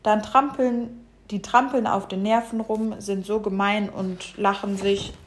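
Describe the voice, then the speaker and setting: A woman voicing a grumpy, fussy little male bumblebee in a children's storybook, gruff and scolding. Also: medium pitch, fairly even intonation, a little slow, natural voice. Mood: grumbling. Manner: gruff, scolding, rhymes when cross. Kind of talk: storybook reading.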